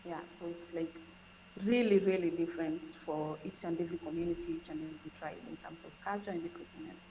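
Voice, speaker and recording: A woman's voice: lowish voice, fairly even intonation, quick pace, mellow, slight background noise, low-quality recording. A woman from Kenya with a Kenyan accent, a podcast guest explaining earnestly in casual conversation and often repeating words.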